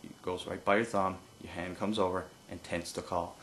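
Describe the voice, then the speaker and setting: A man giving an informal hands-on tutorial as an instructor, explaining haltingly with pauses and no script. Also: low-pitched, fairly even intonation, fairly bright tone, a little hiss or hum. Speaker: duck-calling instructor.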